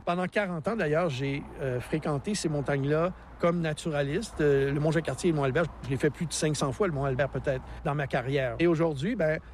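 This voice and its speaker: There's a little hiss or hum behind this fairly high-pitched, darkish male voice, which moves fairly quickly with hardly any pauses. He's a Québécois naturalist in his sixties giving an outdoor radio interview about the mountain landscape, teacherly and enthusiastic, quick to laugh.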